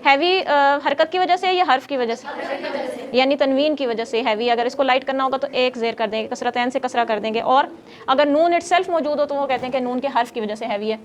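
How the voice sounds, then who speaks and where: A woman teaching a grammar class who explains step by step, quizzes her students and scolds them when they get noisy. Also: high voice.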